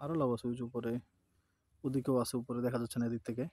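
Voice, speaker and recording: A man chatting quickly to camera in a village garden, often giving thanks to God as he shows his crops. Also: medium pitch, level tone, mellow, husky. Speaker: village life vlogger. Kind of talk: casual vlog chat to camera.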